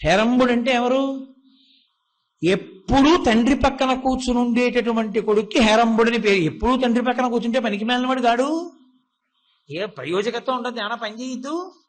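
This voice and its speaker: Speaking at an extremely high pitch and a fairly quick pace, a religious discourse speaker tells a devotional story. He recounts the characters' lines in his own voice and answers the rhetorical questions he poses.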